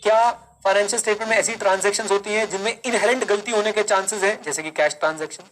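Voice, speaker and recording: A male teacher giving a live online class, speaking slowly and deliberately, repeating key lines, quizzing students and mixing Hindi with English. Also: high-pitched, fairly bright tone, slight background noise, rough recording. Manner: mixes Hindi and English, calls students kids.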